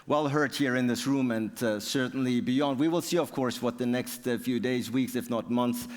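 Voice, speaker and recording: Measured male stage interviewer. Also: mid-range voice. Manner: fluent, measured, uses fillers. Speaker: interviewer, TV presenter. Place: university hall on stage.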